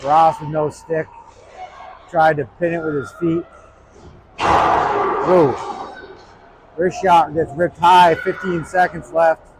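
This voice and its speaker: A man giving brisk play-by-play hockey commentary, his voice washed in heavy hall-like reverb. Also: a little high, steady tone. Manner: brisk, clipped play calls that rise toward the final seconds. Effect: heavy echoing reverb, like a big hall. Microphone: microphone placed near an iPad. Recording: echoey reverb-heavy recording with faint noise.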